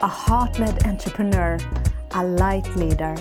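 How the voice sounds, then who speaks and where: Over music, a Swedish life coach hosts her own solo podcast in an unhurried, medium-pitched voice. Swedish is her native language and her accent shows as she gently hunts for English words, with small restarts along the way.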